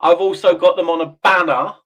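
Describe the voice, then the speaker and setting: Sweary joking man, bit high. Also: steady tone, fairly quick, a bit bright. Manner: sweary, joking, laughs often. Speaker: livestream host. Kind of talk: casual chat.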